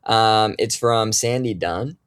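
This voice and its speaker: A man running a tabletop game as game master, narrating in a relaxed way with frequent ums and uhs. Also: on the low side, slow pace, clean tone.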